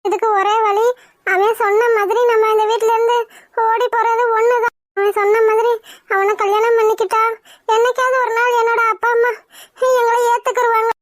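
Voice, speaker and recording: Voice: flat delivery, normal speed, a bit bright, no echo, studio quality. A performer voicing a young woman in a cartoon who is torn and tearful about leaving her parents. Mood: anxious. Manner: high-pitched, weepy pleading. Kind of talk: cartoon voice acting.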